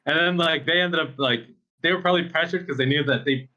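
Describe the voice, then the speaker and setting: A man with a bright, forceful voice answers questions after a match, loose and rambling with many fillers and easy laughs. The audio sounds dull and lo-fi, lacking crisp highs. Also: fast talker. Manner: casual, filler-heavy, laughs often. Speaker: pro esports player. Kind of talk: post-match interview.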